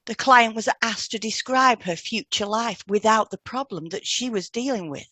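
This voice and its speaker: Reading aloud from a script, a woman co-hosting an educational podcast explains concepts in a teaching manner; she is also a hypnotherapy trainer. Her fairly high voice sounds pushed and bright at a normal speed, in a dry recording.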